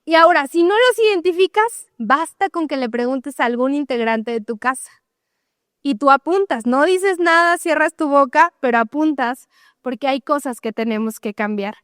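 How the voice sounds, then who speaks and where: A woman's voice: high voice, animated, moderate pace, fairly bright tone, no echo, studio quality. A young adult woman pastor with a Mexican accent, preaching a conversational sermon and often checking in with "¿verdad?". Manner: conversational, tags questions with "¿verdad?", acts out everyday dialogues.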